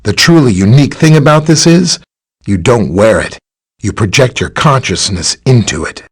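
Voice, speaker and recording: In a mid-range, slightly rough voice with lively intonation, a man portrays an easygoing, friendly superhero scientist in a video game. He speaks at a moderate pace during briefings and greetings, explaining matters in a relaxed, conversational way.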